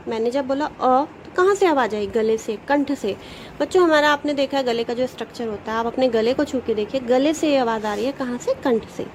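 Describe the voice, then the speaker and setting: A woman teacher giving a grammar lesson to children, patient, sounding out letters slowly and asking questions she then answers herself. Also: high-pitched, slight background noise, poor audio. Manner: addresses pupils directly, asks questions then answers them.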